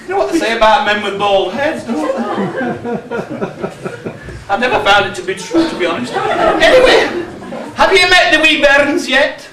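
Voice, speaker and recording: A man's voice: extremely high pitch, big pitch swings, normal speed, long pauses, over a noisy crowd. A man playing a cheeky pantomime dame cook, a bossy middle-aged woman with a put-on Scottish accent, teasing the audience on stage. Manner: brash, teasing, banters with the audience. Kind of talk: amateur pantomime stage acting. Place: village hall stage with live audience. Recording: echoey hall, far mic, audience noise.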